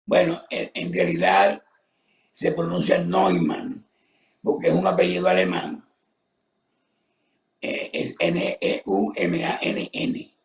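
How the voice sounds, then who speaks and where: An older man who speaks slowly and haltingly, his voice distorted and rough from a tracheotomy, answering interview questions. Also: a little high, big pitch swings, echoey room. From Venezuela. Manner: slow, halting, with many pauses and fillers. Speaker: retired professor, guest.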